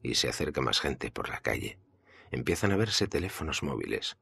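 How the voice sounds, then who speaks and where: A man from Spain, with a Spanish accent, reading an audiobook in a steady, measured way. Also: very deep voice, creaky, breathy edge, dry recording, clean studio sound. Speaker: audiobook narrator. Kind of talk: audiobook narration.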